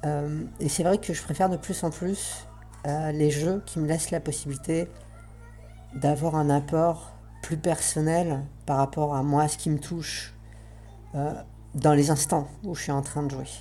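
A woman's voice run through a voice changer, pitched low and mellow. She speaks in an earnest, reflective way, pausing to find her words. Faint music plays underneath. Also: fairly even intonation. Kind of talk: spoken essay on roleplaying games.

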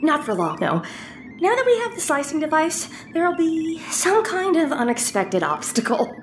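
A woman playing a brash, quick-thinking schemer who bosses her partner around in an audio drama. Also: sits high, a little hiss or hum. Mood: excitable. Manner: brash, bossy, with bursts of nervous excitement.

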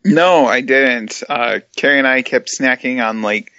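Podcast co-host: male, medium register, sharp bright tone, easy conversational hosting style. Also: mid-range voice, measured pace, smooth, dry recording, muffled recording.

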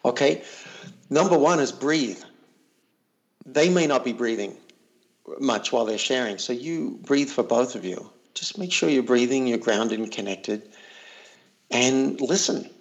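A man speaks in an earnest, reflective way as a coach in a casual interview. His mid-range voice has a gravelly edge. He often doubles back on words while he thinks aloud. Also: medium pitch, unhurried, pauses often.

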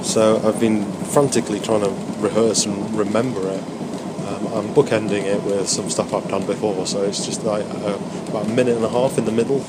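A man's voice: on the low side, level tone, a little fast. A man talking in a casual video diary as an amateur stand-up comedian, musing and repeating himself as he goes. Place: on trains and outdoors in the city. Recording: loud train and street noise behind. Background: loud vehicle and urban noise.

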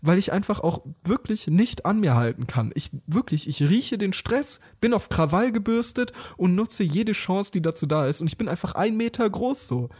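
A man's voice: sits high, very animated, normal speed, few pauses, a little mellow, breathy edge. A man co-hosting a casual chat, telling a rambling, self-mocking story and acting out quotes. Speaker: podcast co-host.

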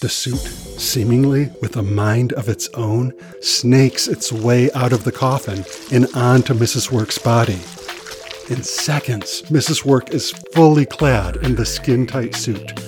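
A man narrating a scripted children's story in an animated, expressive reading voice. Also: medium pitch, a little slow, music in the background.

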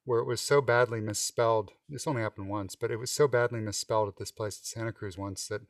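Low-voiced man telling a story, slightly distant. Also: fast, no echo, clean studio sound. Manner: relaxed storytelling with frequent fillers. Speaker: guest musician. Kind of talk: casual interview chat.

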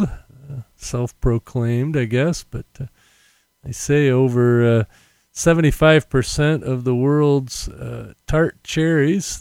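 A man's voice: mid-range voice, darkish tone, clear, resonant tone, no room sound. American man with popping p's, casual podcaster. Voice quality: popping p sounds on the mic. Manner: rambling, self-correcting. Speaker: podcast host. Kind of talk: casual unscripted solo podcast chat. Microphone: condenser mic without windscreen.

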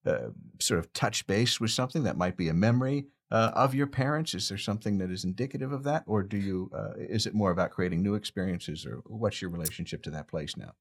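A man's voice: lowish voice, fast talker, few pauses, slightly rough. A man hosting a podcast, asking easygoing, rambling questions and laughing along with his guest. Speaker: podcast host. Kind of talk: casual interview.

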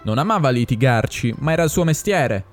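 A man narrating a short story and voicing the conductor, expressive and theatrical. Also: medium pitch, brisk, faint music behind. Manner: expressive, acting out the characters. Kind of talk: audiobook story reading.

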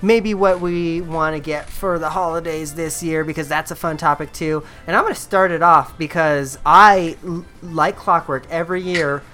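Brief: low-pitched woman, podcast host, loose and rambling, faint music behind. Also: steady tone, normal speed, hardly any pauses, fairly bright tone. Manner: rambling, with many fillers and restarts. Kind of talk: casual podcast chat.

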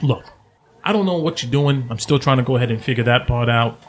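A man's voice: medium pitch, a little hiss or hum, lightly acted. A man voicing a gaunt, jokey human gang leader with a chummy, teasing manner in a tabletop game. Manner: chummy, teasing, quick to laugh.

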